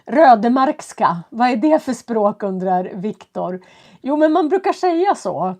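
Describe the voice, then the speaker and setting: Woman, stuffy nose, slight cough, slow clear teacher talk, casual live-stream chat from home. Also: a little high, very animated, darkish tone. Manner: slow, clear speech for learners, greeting viewers. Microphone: computer setup.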